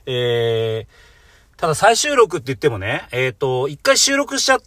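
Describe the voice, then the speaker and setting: A man's voice: medium pitch, huge pitch swings, unhurried, fairly bright tone, no echo, studio quality. A man co-hosting a comedy talk show, teasing his partner and building up a comic bit in casual banter from inside a car. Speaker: comedy duo member, co-host.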